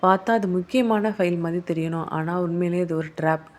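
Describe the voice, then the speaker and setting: A woman voicing a calm, measured, cunning male police investigator. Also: fairly low pitch, close to an everyday voice. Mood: scheming.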